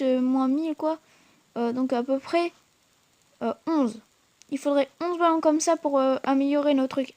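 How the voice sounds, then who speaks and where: High-voiced woman giving hesitant gameplay commentary. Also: darkish tone, no room sound. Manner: hesitant, full of fillers and restarts; chatty, addresses viewers directly. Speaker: gaming channel host.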